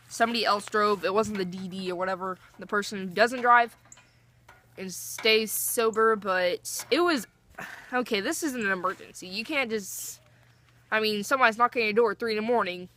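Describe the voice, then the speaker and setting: A woman's voice: medium pitch, bright, forceful tone. A young woman telling a storytime vlog in a casual, rambling way, full of fillers and restarts. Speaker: vlogger.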